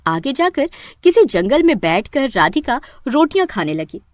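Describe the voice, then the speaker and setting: A woman's voice: high-pitched, big pitch swings, moderate pace, noisy background. A woman narrating a scripted story.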